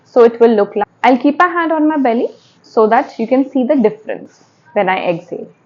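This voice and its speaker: Higher-pitched Indian woman teaching yoga. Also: animated, a little fast, darkish tone, dull audio. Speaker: yoga instructor. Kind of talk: spoken yoga tutorial with step-by-step instruction.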